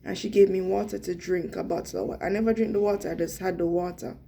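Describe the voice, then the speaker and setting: A young woman with a Jamaican accent recounts a personal story in earnest, animated bursts, now and then dropping into patois. Her voice is warm and dark with a gravelly edge, at an ordinary middle pitch. A faint hiss of noise sits behind her. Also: fast. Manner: earnest, animated retelling with quoted dialogue and Jamaican patois slips. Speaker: vlogger.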